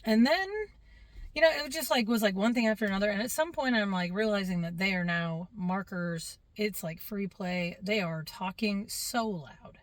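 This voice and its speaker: Middle-aged woman, casual storyteller, animated, mid pitch, dry close sound. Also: normal speed, no echo. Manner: animated, quotes herself and kids in lively voices. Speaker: substitute teacher.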